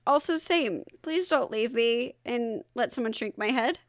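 A woman co-hosting a casual podcast chat, telling a story with lots of giggles and animated asides. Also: fairly high pitch, a little slow, dry recording, clean studio sound. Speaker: podcast co-host.

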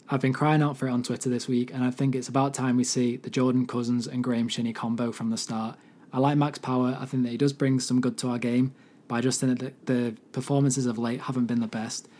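A hoarse man whose voice has mostly gone, talking solo as a football podcast host. His tone is mellow and dark, with little rise and fall in pitch. He gives his opinions earnestly, like a devoted fan.

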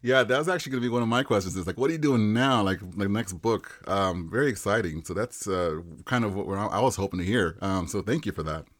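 An enthusiastic man co-hosts a casual interview, chatting freely. His voice sits on the low side. The sound is dry and close. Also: fast talker, hardly any pauses, dry recording. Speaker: co-host.

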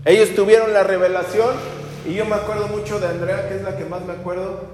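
A man's voice: high voice, little pitch movement, a little fast, a little mellow, roomy sound, big-room sound, slight background noise. A man preaching a sermon as pastor, talking conversationally with rhetorical questions.

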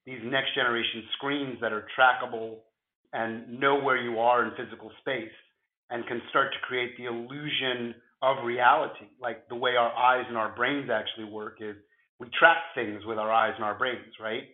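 A man with a gravelly voice, hoarse from flu, explaining things conversationally as an interview guest in measured phrases. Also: mid-range voice, fairly even intonation, echoey room, narrow, tinny audio. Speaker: interview guest, futurist at a film studio.

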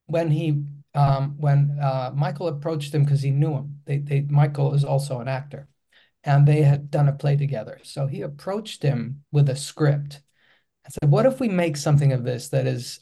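A man's voice: fairly high pitch, gravelly, warm tone. A Greek-accented man in his forties, a filmmaker guest in an interview, speaking hesitantly with many restarts. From Greece.

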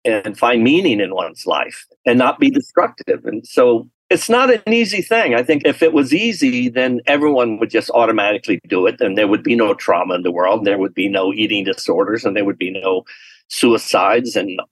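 A man from Texas, an artist being interviewed, telling stories in a lively, laughing way. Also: normal speed, slightly rough, no echo, poor audio. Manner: animated, laughing storyteller with lively pitch swings. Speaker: artist guest. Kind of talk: casual storytelling interview.

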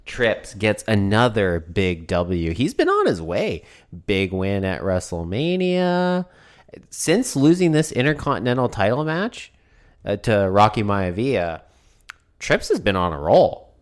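A man's voice: fairly low pitch, big pitch swings, unhurried. A man in his thirties hosting a casual wrestling recap, talking like a brash, foul-mouthed frat bro. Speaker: wrestling podcast host.

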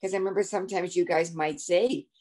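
An older woman, a former nurse and counselor, speaking in a measured, instructive way. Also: on the low side, fairly even intonation, dark tone. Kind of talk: casual conversation.

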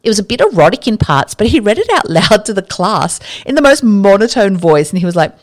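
A woman's voice: mid-range voice, sing-song, fairly quick. A woman hosting a podcast, explaining science in a casual, chatty, enthusiastic monologue that drifts into asides. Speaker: podcast host.

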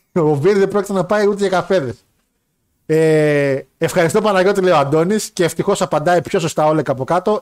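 A man banters through a casual wrestling chat show. He reads out viewer messages with quick jokes and bursts of laughter. His talk stays lively and playful. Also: high voice. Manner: animated, laughing, joking banter. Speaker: podcast co-host.

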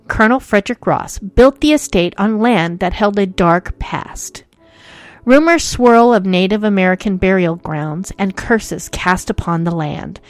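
Theatrical woman horror host over music. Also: mid-range voice. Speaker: host of a ghost-story podcast. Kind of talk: scripted spooky narration.

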